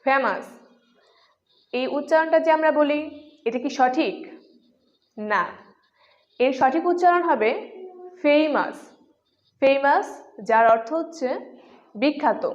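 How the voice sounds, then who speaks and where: A woman narrating a scripted pronunciation lesson, saying words slowly and deliberately. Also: high voice. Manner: slow, deliberate repetition of words. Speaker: English pronunciation teacher. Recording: dull lo-fi sound.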